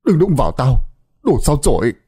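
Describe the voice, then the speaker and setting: A man's voice: medium pitch, huge pitch swings, a little slow, mellow, husky, full character voice. A man voicing a drunk, cruel, superstitious middle-aged father who rants with slurred scorn in an audio story. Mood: drunken ranting.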